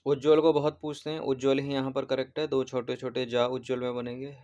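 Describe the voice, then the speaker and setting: Male tutor, steady monotone delivery, patient, repeats each word while walking through answers. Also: mid-range voice, quick pace, lo-fi sound. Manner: repeats words, corrects spellings patiently. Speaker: exam prep teacher. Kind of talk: explaining test answers.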